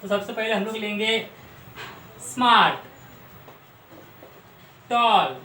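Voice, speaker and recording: A man from Maharashtra, India, teaches English grammar in an explanatory lesson, patiently explaining and repeating word lists. His high voice is animated and slow, with a pushed, bright quality. The recording sounds roomy, with faint background noise.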